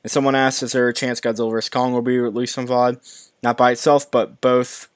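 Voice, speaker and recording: A man's voice: mid-range voice, level tone, a little fast, smooth, no echo, studio quality. A young man hosting a live stream, reading movie news articles aloud and commenting, often stumbling and restarting words. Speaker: YouTube movie news host.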